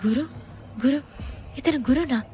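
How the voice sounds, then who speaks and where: A woman's voice: high voice, moderate pace, dark tone, lightly acted. A woman doing a gossiping bystander in an audio story, in a slightly raised voice close to her own, over faint music. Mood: gossipy. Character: onlooker in a crowd, gossiping.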